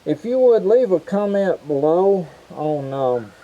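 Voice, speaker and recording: Man muffled by a face mask, very dark tone. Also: high-pitched, expressive, takes it slowly. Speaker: sawmill vlogger. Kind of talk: casual explaining to camera. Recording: dull, muffled sound.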